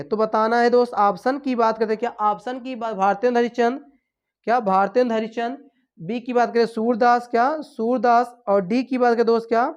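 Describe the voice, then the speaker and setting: A woman's voice: on the high side, lo-fi sound. Woman drilling answers in a repetitive lesson. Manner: call-and-response drilling, repeating answers; trails off quietly at ends of phrases. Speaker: Hindi teacher. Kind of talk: exam-prep lesson.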